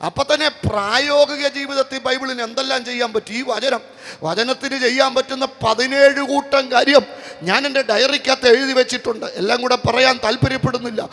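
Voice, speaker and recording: A man from Kerala, a pastor, preaching an evangelistic sermon, moving between quick, chatty storytelling and slow, forceful preaching. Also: extremely high pitch, fairly even intonation. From Kerala, India. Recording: long hall reverb.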